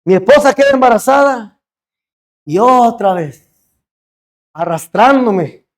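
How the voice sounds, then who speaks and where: A male pastor delivering a sermon, swinging between loud, impassioned exhortation and hushed, intimate storytelling. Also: extremely high pitch, animated, slow. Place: church.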